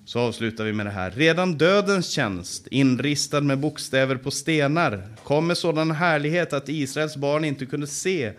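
Emphatic preaching man, loud then hushed. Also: fairly high pitch. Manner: emphatic preaching that swings between loud stress and slow, hushed passages; repeats key phrases for effect. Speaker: Bible teacher. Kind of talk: sermon. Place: Bible conference gathering.

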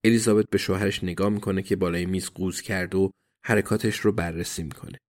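A man narrating an audiobook in a steady, even storytelling manner. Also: deep voice.

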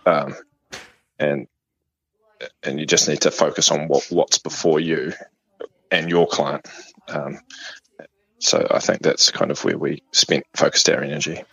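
A man's voice: extremely low pitch, little pitch movement, measured pace, gravelly, long pauses, fairly bright tone, slightly rough, dry recording, rough recording. A man answering interview questions as a lawyer, guarded and hesitant as he chooses his words.

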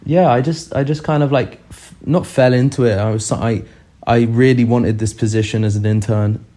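A man's voice: mid-range voice, steady tone, normal speed, warm tone. A young man from England in his twenties, chatting on a podcast in a laid-back, rambling way. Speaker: podcast guest. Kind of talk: casual chat.

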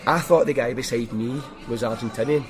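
Soft music plays behind a man with a strong Glaswegian Scottish accent who hosts a podcast. His mid-range voice moves a little fast as he chats casually, telling anecdotes in colloquial language and voicing his own opinions.

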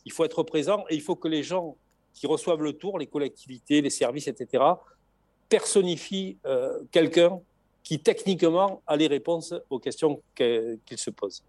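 Speaking at a moderate pace with a fairly high, darkish voice and no echo, a middle-aged southern French man chats as an interview guest. He used to organize race logistics, and his expansive talk is full of restarts and repetitions.

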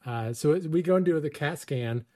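A man's voice: on the high side, fairly quick, dark tone. A man in his thirties casually telling a personal story, wry and self-deprecating, laughing often. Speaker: storyteller guest.

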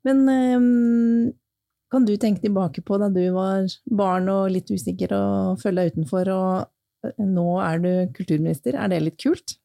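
Gravelly-voiced woman interviewer. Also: medium pitch, steady tone, dark tone, dry recording, clean studio sound. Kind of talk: casual interview. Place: library.

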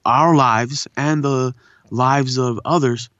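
Laid-back voice actor musing in conversation. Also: male voice, mid-range voice, slow, dry recording, lo-fi sound. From born in India, raised in Southern California. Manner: relaxed, reflective, says "man" often. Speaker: guest, voice actor and poet. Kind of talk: casual interview conversation.

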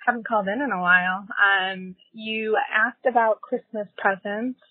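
A woman's voice: medium pitch, dry recording. A woman leaving a chatty, upbeat voice message as a podcast listener calling in. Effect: played-back voice message. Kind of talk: casual voicemail. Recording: tinny dry phone-line recording.

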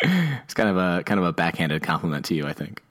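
A man's voice: sits low, very animated, fairly quick, crowd noise. A man co-hosting a podcast, chatting casually with dry, teasing humor. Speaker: podcast co-host. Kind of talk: casual chat.

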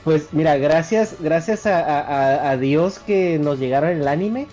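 Hombre mexicano con acento norteño en una charla informal, con pausas y titubeos frecuentes mientras desarrolla sus ideas. Se oye una música suave detrás. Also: male voice, fairly high pitch, lively intonation, dark tone, soft background music. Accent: northern Mexican. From northern Mexico. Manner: hesitant, many fillers, explanatory. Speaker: co-host. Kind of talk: casual chat.

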